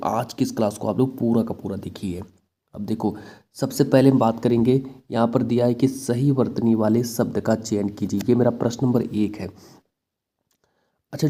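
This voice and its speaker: A man's voice: mid-range voice, warm tone. A young man teaching an online exam-prep class, going over correct spellings again and again and calling students "brother". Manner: repetitive, addresses students as brother, lots of tag questions.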